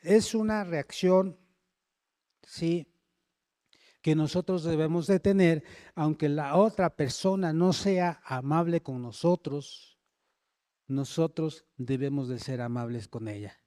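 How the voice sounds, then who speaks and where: A man's voice: fairly high pitch, slow pace, warm tone, no echo, clean studio sound. A man preaching a sermon, often checking in with the congregation and calling for amens.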